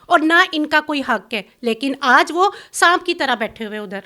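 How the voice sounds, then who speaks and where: A middle-aged woman from Pakistan gives an interview in a high voice. She talks bitterly and insistently, accusing and complaining with strong feeling. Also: lively intonation, bright, forceful tone. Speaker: interview guest.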